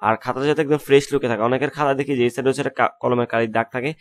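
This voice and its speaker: Fast-talking young male tutor. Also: medium pitch, fairly even intonation. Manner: rapid, repetitive instructions to students. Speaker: online tutor. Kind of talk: assignment walkthrough lesson.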